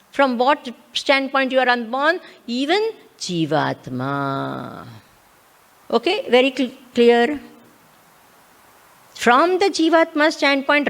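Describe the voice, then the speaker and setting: A woman with an Indian accent giving a scriptural lecture as a spiritual teacher, repeating key words and posing questions to check understanding. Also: a little high.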